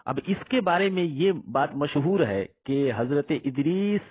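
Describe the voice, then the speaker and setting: A man teaching an Urdu grammar lesson. He asks a question, answers it himself, and says each example word slowly and more than once. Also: a little high, lively intonation. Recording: husky voice on tinny phone-like audio.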